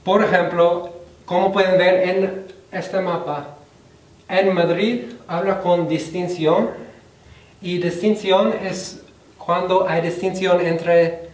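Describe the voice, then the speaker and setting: Young male student, slowish careful delivery, fairly high voice, echoey room, mic at a distance. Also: flat delivery. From United States. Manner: slow, careful learner's delivery with pauses. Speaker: student presenter. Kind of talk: class presentation on Spanish slang. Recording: roomy echo, voice from off the mic.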